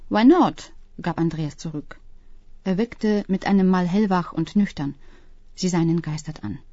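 A woman reads a literary story in a calm, even manner. Her voice sits low and mellow. The recording is dry and a little dull, close to the mic. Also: moderate pace, dry recording. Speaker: audiobook reader. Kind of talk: scripted literary narration.

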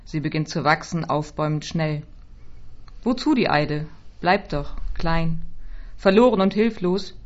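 A woman giving a quiet, measured first-person literary reading, her voice often dropping softly, in a slightly dull recording. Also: low voice. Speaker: reader.

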